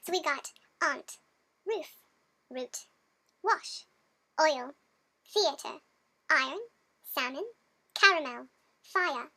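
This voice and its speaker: A bright, high, sing-song fake British accent, put on by a Canadian woman as she reads single words. The lilt is exaggerated and the tone is sharp, with a gravelly edge at the ends of words. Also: lively intonation, slow, pauses often, full character voice. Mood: playful. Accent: fake British accent over Canadian. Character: young woman faking a posh British accent.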